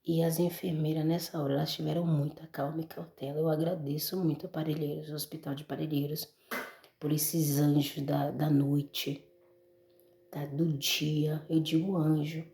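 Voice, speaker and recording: Gravelly low-voiced Brazilian woman testifying. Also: little pitch movement, normal speed, warm tone, echoey room. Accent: Brazilian Portuguese. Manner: emotional, addresses listeners as brothers and folks. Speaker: testimony speaker. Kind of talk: emotional church testimony.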